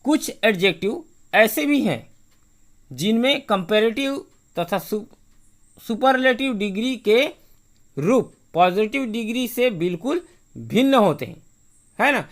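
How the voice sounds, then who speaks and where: A teacher giving a televised grammar lesson, asking quick questions and then answering them, and spelling words out letter by letter. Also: mid-range voice, expressive.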